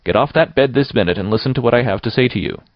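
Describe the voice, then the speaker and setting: A man's voice: on the low side, big pitch swings, a little fast, no echo, highs cut off. A man voicing a severe, dry middle-aged woman guardian who scolds in a storybook reading.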